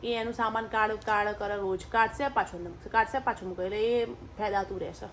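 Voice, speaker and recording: A young woman with a Gujarati accent chats casually in her family cooking vlog, calling her viewers "guys" and laughing often. Her medium-pitched voice is fairly bright and a little fast, with fairly even intonation and a touch of hiss or hum.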